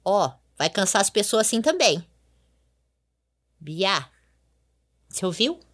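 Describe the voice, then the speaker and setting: A woman hosting a comedic clown podcast, talking in a playful, theatrical and bossy way with sudden high squeals. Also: big pitch swings, slow. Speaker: podcast host.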